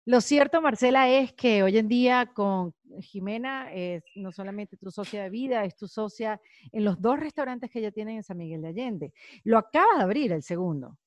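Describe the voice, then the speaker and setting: A woman's voice: mid-range voice, expressive, moderate pace. A woman podcast host asking her guest questions in a casual interview. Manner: curious, prompting questions.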